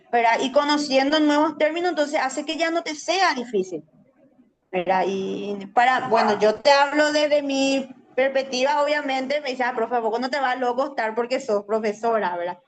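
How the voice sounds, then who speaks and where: A woman from Paraguay with a Paraguayan Spanish accent, a Guaraní teacher answering radio interview questions in an explanatory way that keeps tagging "¿verdad?". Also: sits high. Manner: explanatory, often adds "¿verdad?". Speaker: guest, Guaraní language teacher.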